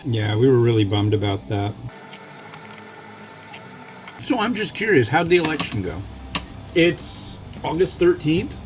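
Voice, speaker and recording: A man's voice: mid-range voice, sing-song, measured pace, long pauses, music in the background. A man giving a casual, rambling food review as he eats, with a wry, off-the-cuff manner and frequent tangents. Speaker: food reviewer and mukbang host.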